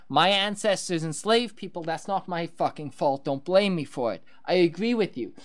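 A Canadian podcast host in relaxed conversation, swearing freely and laughing easily. His voice sits at a middling pitch with an everyday, conversational delivery. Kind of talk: casual podcast chat.

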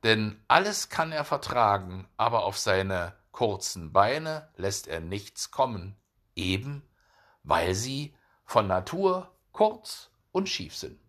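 A man reading a fairy tale aloud as narrator, measured and expressive. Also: lowish voice.

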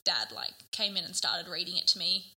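Late-teen Australian woman, bright sharp timbre, easygoing upbeat podcast host. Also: fairly low pitch, fairly quick. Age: young adult. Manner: relaxed, upbeat, loose and chatty. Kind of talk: casual chat.

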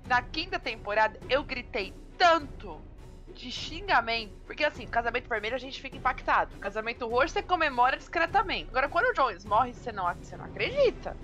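A woman's voice: on the high side, quick pace, soft background music. A woman with a Brazilian Portuguese accent, chatting casually and telling things with animation to a group of friends on a podcast. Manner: animated storytelling, addresses the group. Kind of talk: casual chat. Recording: dull lo-fi recording.

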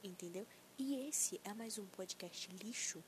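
A woman's voice: mid-range voice, a little slow, noisy background. A young woman of nineteen hosting a solo podcast, ranting in a self-mocking, profane and rambling way, anxious. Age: young adult. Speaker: podcast host.

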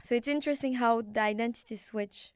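A woman's voice: a little high, brisk, smooth, no echo, clean studio sound. A woman from Morocco, a native Arabic speaker, hosting and asking long, reflective questions. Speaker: podcast host. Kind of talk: interview.

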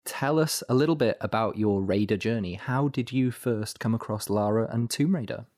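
A man's voice: fairly low pitch, normal speed, darkish tone. A man hosting a podcast, welcoming his guest and introducing topics in an upbeat way. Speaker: podcast host.

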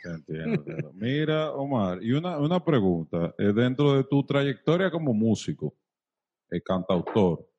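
A man's voice: medium pitch, sing-song, normal speed, darkish tone, dull audio. Rambling male host. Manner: rambling, searching for words. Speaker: interview host. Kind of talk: casual interview chat.

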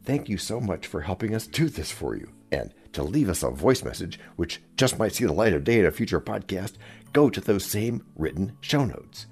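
A man's voice: low voice, big pitch swings, normal speed, a little mellow, slightly rough. A man hosting a scripted comedic podcast with a wry, theatrical delivery and playful asides. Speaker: podcast host.

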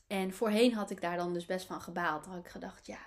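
A woman's voice: on the low side, fairly even intonation, a little fast. Woman, animal-coach podcast host; casual solo monologue with plenty of "ehm" and restarts. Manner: reflective, many fillers and restarts.

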